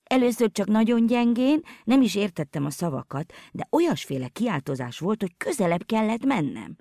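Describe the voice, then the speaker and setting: A woman's voice: mid-range voice, sing-song, creaky, mellow, dry recording, studio quality, voice pushed up. A woman voicing a frightened little girl who eagerly tells a story in a storybook reading.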